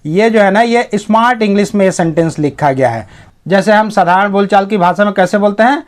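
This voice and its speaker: Here a man whose voice sits a bit high works as an English teacher, using Hindi to guide a reading lesson. He takes the passage word by word, pronouncing each English sentence in a slow, careful way.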